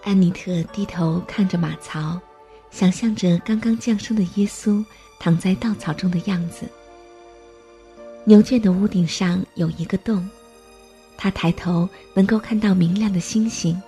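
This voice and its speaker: Mellow woman reading a storybook. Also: fairly low pitch. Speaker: narrator. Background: faint music.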